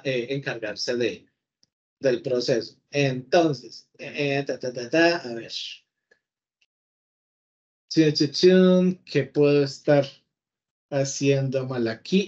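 A man teaching a live coding class, chatting and talking to his computer as if it were a person. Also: medium pitch. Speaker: programming teacher. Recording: slightly dull lo-fi audio.

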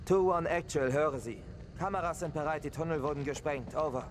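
An actor playing a young male army lieutenant answering in brisk, formal radio procedure over a military radio. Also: fairly high pitch, a little hiss or hum. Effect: voice heard over a military radio.

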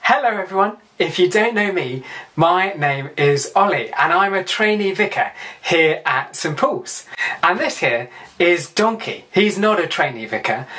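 A woman training as a vicar gives a children's talk in a low voice at a slow, steady pace. She keeps it playful and turns now and then to a puppet donkey beside her. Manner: playful, chatting aside to a puppet.

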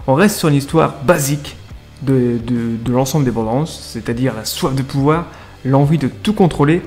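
A man in his 30s, a gaming video creator, gives a casual, slangy review of a video game with conversational asides to viewers. His medium-pitched voice is a little mellow and moves at a moderate pace, with music under it.

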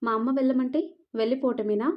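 A woman's voice: fairly high pitch, steady tone, quick pace, lightly acted. A woman voicing a stern, possessive young husband with a harsh, demanding way of talking. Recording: dull lo-fi narration recording.

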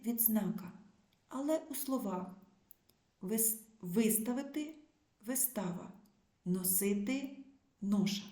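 A woman teacher giving a remote school lesson to children, reading out word pairs slowly and clearly. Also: medium pitch, warm tone. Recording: echoey room.

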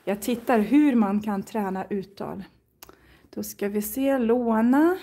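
A woman's voice: a little high, mellow. A woman chatting casually to viewers as she browses and borrows books in a library, thinking aloud and reading titles out. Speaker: Swedish teacher and vlogger.

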